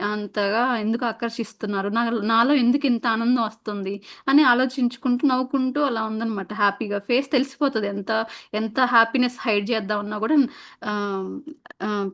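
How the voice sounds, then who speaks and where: A woman casually narrating a spiritual story in a chatty way, often pausing on filler sounds and restarting words. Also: fairly high pitch.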